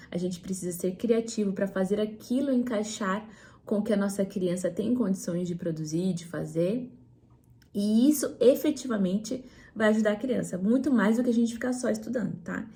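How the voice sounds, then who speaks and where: A Brazilian woman speaking as a speech therapist to parents. Her voice is soft and mellow, at an ordinary middle pitch. She explains in a patient, didactic way, tagging her points with quick checks to the listener. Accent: Brazilian Portuguese. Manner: didactic, frequent "né?" and "tá?" tag questions. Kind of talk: educational talk to parents.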